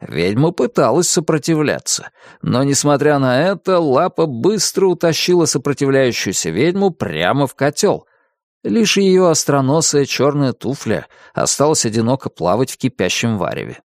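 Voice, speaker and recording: A man narrating a children's fantasy audiobook with expressive storytelling. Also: mid-range voice, moderate pace, no echo, clean studio sound.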